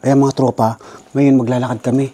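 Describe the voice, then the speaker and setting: A man's voice: medium pitch, little pitch movement, fairly quick, dark tone. A man hosting a ghost-hunting vlog at night in a windy outdoor cemetery, filming on a handheld camera. He swears often and talks straight to his viewers. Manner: jumpy, swears a lot, speaks to viewers. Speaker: vlog host.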